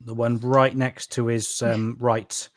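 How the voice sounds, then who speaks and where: A man's voice: medium pitch, little pitch movement, slow pace. A man playing a tabletop game, talking casually in character with a wordy, hesitant, mock-polite manner.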